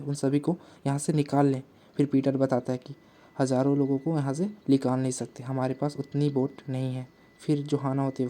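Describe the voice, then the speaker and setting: Guy doing a chatty comic recap, very dark mellow voice, kinda flat. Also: medium pitch. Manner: chatty, mixes in English words and fillers. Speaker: story recap narrator. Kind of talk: casual comic-recap storytelling.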